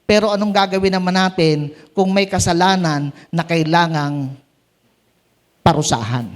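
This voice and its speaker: A man preaching at a prayer meeting, animated, asking the congregation questions and joking with them. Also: high-pitched, normal speed. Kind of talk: Tagalog sermon at a prayer meeting. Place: church meeting room.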